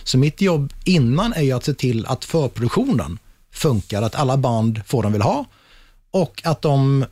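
A man's voice: medium pitch, very animated, darkish tone, no room sound, studio quality. A man talking casually about his work running a festival, telling anecdotes with acted-out quotes. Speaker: festival production manager. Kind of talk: casual storytelling in a podcast chat.

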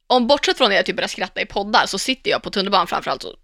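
A woman co-hosting a podcast in casual chat, chatty and quick to laugh, telling stories. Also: medium pitch, expressive, creaky, a bit bright, no room sound, studio quality. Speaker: podcast co-host.

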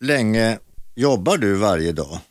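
A man hosts a radio interview, asking his guest long, rambling, playful questions. His voice sits low, and the studio sound is dry and close. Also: expressive, no room sound. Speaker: radio host. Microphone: studio microphone.

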